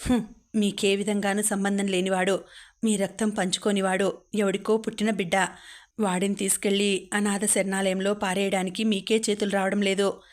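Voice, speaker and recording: A wounded young mother, voiced by a woman narrator, pleading through tears yet holding firm. The pitch stays narrow and even, held in a middle register. It reads as a storybook telling. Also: moderate pace, close to an everyday voice. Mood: anguished. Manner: pleading, tearful. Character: young woman, new mother, anguished and defiant.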